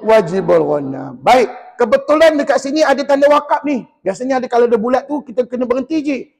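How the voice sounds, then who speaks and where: A man with a Malaysian Malay accent teaching Quran recitation in a mosque class, drilling and correcting students in a lively, teasing way. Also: very high-pitched, fast talker, in a large hall.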